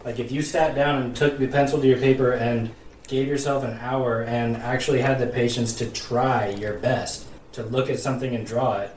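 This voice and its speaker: A man's voice: medium pitch, steady tone, moderate pace. Blunt swearing man, roomy and distant. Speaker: podcast co-host. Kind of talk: casual chat. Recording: roomy, distant from the mic, faint background hum.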